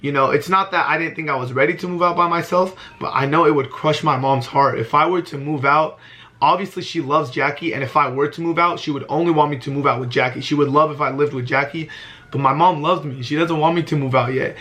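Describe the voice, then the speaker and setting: A man's voice: a little high, fairly quick, sharp tone. A man in his early twenties talking earnestly to camera in a heartfelt vlog, often repeating himself for emphasis. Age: 20s. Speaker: vlogger.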